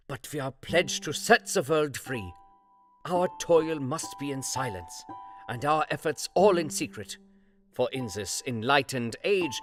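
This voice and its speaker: Van Helsing, a man doing an elder. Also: fairly high pitch. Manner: broken grammar, impassioned oratory. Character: elderly Dutch vampire hunter, fervent, scholarly. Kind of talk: audio drama reading.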